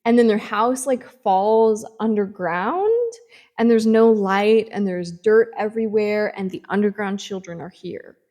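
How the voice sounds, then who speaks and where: A woman giving a casual book review, retelling the plot in an animated way with swings in tempo and lots of fillers. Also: medium pitch, unhurried.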